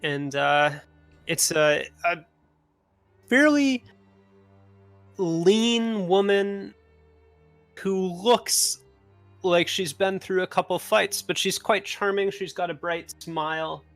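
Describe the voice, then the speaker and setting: A man narrating as game master in a tabletop game, rambling with frequent pauses and restarts. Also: high voice, fairly bright tone, no room sound, soft background music. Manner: rambling, many uhs and restarts.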